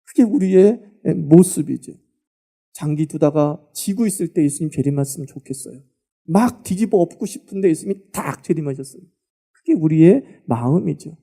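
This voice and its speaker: A middle-aged man preaching a sermon as pastor, talking with the congregation through questions he answers himself, moving between loud emphatic lines and near-murmured asides. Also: a little high, expressive, normal speed.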